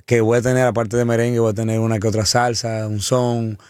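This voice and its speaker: A man's voice: fairly low pitch, flat delivery, fairly quick, darkish tone, smooth, dry recording, clean studio sound. A man, a singer, chatting eagerly in an interview, often repeating and restarting words. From Dominican Republic. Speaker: singer guest. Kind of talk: casual interview chat.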